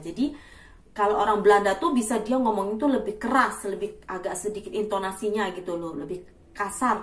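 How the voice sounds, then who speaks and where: A woman in her thirties in casual vlog chat, acting out loud greetings. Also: medium pitch, roomy sound, far from the mic. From Indonesia. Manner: chatty, acts out loud greetings. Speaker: vlogger.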